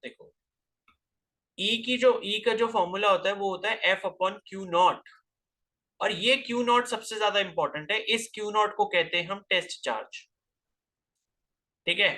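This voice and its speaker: A man's voice: high-pitched, unhurried, long pauses, bright, forceful tone. A man teaching a physics class, lecturing and scolding his students with rhetorical questions, terms into his speech.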